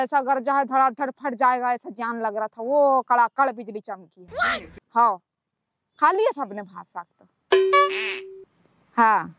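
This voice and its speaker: A woman's voice: sits high, slight background noise. A woman in a comedy sketch, chatting on the phone and bickering and scolding.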